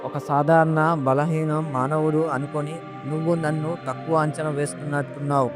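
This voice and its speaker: A man's voice: a little high, level tone, normal speed, over music, lightly acted. A man voicing a mighty young warrior prince who speaks proudly and confidently in a storybook reading. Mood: boastful.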